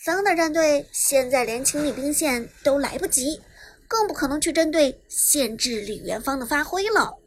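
A woman narrating a web novel chapter in brisk storytelling style, lifting her voice on the action. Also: high voice, lively intonation, slight background noise. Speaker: audiobook narrator. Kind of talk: scripted narration.

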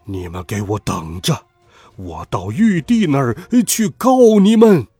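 A man's voice: medium pitch, lively intonation, unhurried, dark tone, husky, no echo, faint music behind. A man voicing a furious old dragon king in a storybook tale, roaring threats at others. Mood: menacing.

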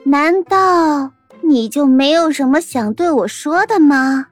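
A man voicing a sly young martial-arts sister who talks sweetly and coyly but with a threatening edge, in an audiobook with soft music underneath. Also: extremely high pitch, slow pace, no room sound, voice pushed up. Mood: sweetly menacing. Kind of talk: audiobook character voice.

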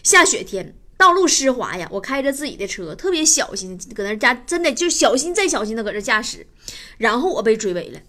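Woman doing stand-up, high bouncy voice, noisy recording. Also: fairly quick. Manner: lively, teasing, self-mocking. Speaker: stand-up comedian. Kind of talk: stand-up storytelling.

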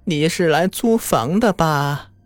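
A secretive old landlady, put on by a male storyteller, speaks in a raspy, higher voice with terse, ominous warnings. Her lines swing up and down in pitch. Soft music plays beneath her. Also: expressive, slow pace.

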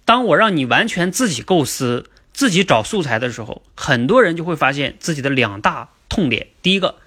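A man teaching a livestream class on public speaking, explaining step by step, asking and answering his own questions and repeating key definitions slowly. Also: fairly high pitch, sing-song, a bit bright, husky. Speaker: speaking coach. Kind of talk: livestream lecture.

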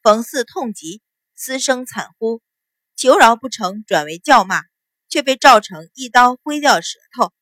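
A woman reads a dramatic novel aloud in a steady, vivid manner. Her voice sits fairly high and the recording is dry and close, with no room sound. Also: a little slow, no echo. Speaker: audiobook narrator.

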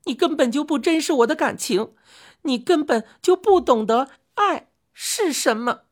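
A woman voicing Chang'e, a vain, quick-tempered young wife who scolds shrilly, for a spoken storybook. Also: on the low side, very animated, slightly rough. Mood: upset.

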